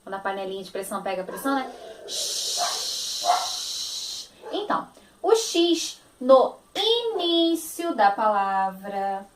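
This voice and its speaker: A woman's voice: high-pitched, reverberant. A woman teacher with a Brazilian Portuguese accent, giving a phonics lesson to young children, stretching out words in a sing-song, affectionate manner.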